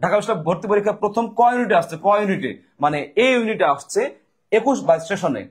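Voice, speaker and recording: Husky, fast-talking male tutor. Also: high voice, animated. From Bangladesh. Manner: drilling, asks questions and answers them himself. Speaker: admission test tutor. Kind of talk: explaining exam questions to students.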